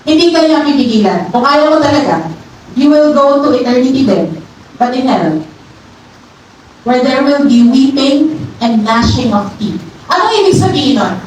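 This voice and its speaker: High-voiced Filipino woman preaching in an echoey hall. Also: expressive, moderate pace, darkish tone. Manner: playful, chatty, asks the crowd often. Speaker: youth service speaker. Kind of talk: Taglish youth sermon. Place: church hall. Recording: echoey hall from far off, noisy.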